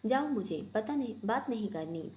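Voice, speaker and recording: A woman's voice: on the high side, expressive, moderate pace, darkish tone, lightly acted. A woman voicing a childish, sulky young groom in a family story.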